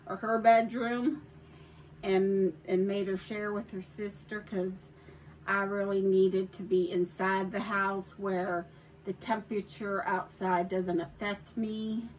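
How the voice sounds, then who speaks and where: Recorded roughly on a phone with some hiss or hum, this mid-range Southern woman gives a casual vlog tour of a handmade journal in her craft room. She rambles, starts over, and giggles now and then.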